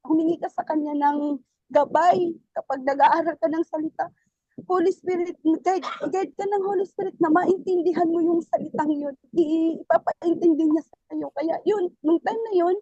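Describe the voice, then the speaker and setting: A woman gives a personal testimony at church in a high voice, talking to the pastor with halting phrasing and frequent restarts. Her tone stays respectful throughout. The sound is dull and lo-fi, with no room echo. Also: dark tone. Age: adult parent. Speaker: church member giving testimony.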